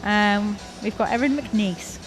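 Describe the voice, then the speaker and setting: A young woman from North Wales gives chatty, enthusiastic live commentary on a climbing competition, often laughing at her own slips. Her voice is medium-pitched and slow. The audio is poor, with faint music behind her.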